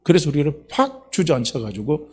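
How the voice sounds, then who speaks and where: Husky-voiced male pastor preaching. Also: big pitch swings, a little fast. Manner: emphatic, swings between hushed low lines and loud high exclamations. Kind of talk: sermon. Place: church sanctuary.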